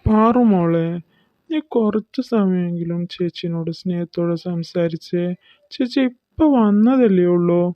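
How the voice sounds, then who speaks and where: A woman voicing a gentle elderly father in a cartoon, speaking slowly in a deep put-on voice. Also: dry recording, lo-fi sound, natural voice. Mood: soothing. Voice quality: deep, slow put-on male voice. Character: gentle elderly father, soft-spoken peacemaker. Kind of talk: cartoon voice acting.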